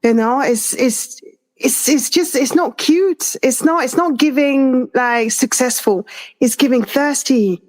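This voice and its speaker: Woman, from France, thirties, casual co-host chat, slow unhurried pace, hesitant with fillers. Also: high voice. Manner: hesitant, many fillers and restarts. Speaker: podcast co-host.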